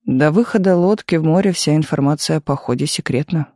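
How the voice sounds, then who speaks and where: A man reading an audiobook, voicing a calm, wry male war correspondent in a lower, unhurried voice. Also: dry recording, clean studio sound, close to an everyday voice. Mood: laconic. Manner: laconic, unflustered, wry.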